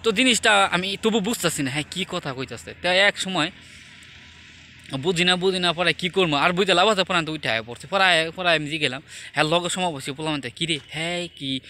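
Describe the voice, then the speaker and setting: A man telling a story to his viewers in a chatty, conversational way, often dropping into hushed tones. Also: high voice, fairly quick, a little hiss or hum. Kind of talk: casual storytelling monologue.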